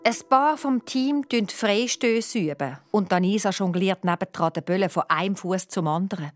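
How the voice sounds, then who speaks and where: A woman with a Swiss German accent narrating a children's story in a lively way, acting out the characters. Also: medium pitch, normal speed, soft background music.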